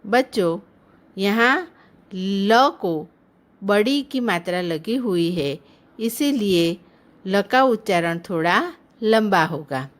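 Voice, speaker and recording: A woman teaching children in an online lesson, sounding out words syllable by syllable in a gentle, explaining tone. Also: mid-range voice, lively intonation. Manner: drawn-out, careful syllable-by-syllable pronunciation. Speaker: primary school teacher.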